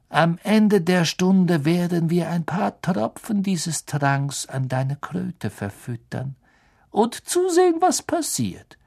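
A man voicing a cold, sneering male teacher who drags his words out slowly. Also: high voice, voice pushed up, heavily acted. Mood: icy mockery. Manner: slow, drawn-out, icy and mocking.

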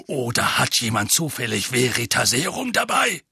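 A man's voice: mid-range voice, sing-song, normal speed, bright, forceful tone, husky, dry recording, clean studio sound, exaggerated voice. A man growling as a grizzled, paranoid old wizard. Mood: suspicious.

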